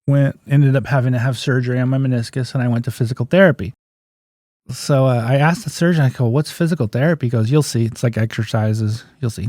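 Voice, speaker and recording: A man in his fifties, a physical therapist and clinic owner, appears as an interview guest and tells casual, folksy, plain-spoken stories, often acting out conversations he remembers. His mid-range voice has a darkish tone, recorded in clean studio sound with no room sound.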